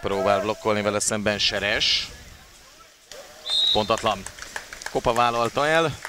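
A man giving live water polo play-by-play commentary as a sports commentator. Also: on the low side. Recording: clear background noise of an outdoor venue.

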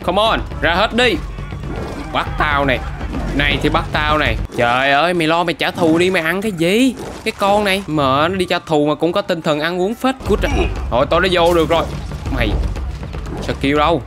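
Playful Vietnamese gaming commentator, music behind. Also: male voice, fairly high pitch, fairly quick. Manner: playful, boastful, teasing trash talk. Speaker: gaming YouTuber. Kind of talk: casual gameplay commentary. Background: background music.

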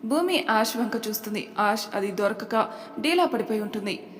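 A woman's voice: mid-range voice, animated, normal speed, big-room sound. Chatty woman storyteller. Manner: chatty, addresses listeners. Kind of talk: audiobook story narration.

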